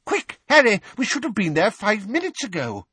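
A man voicing a hurried middle-aged wizard official who talks in urgent, panting bursts. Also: mid-range voice, huge pitch swings, a bit bright, husky, no room sound, heavily acted. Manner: urgent, out of breath.

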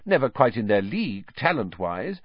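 A man's voice: on the low side, big pitch swings, moderate pace, husky, dry recording, lo-fi sound, pitched above the performer's own voice. A man reading an audiobook and voicing a stern older female professor with a clipped, scolding manner.

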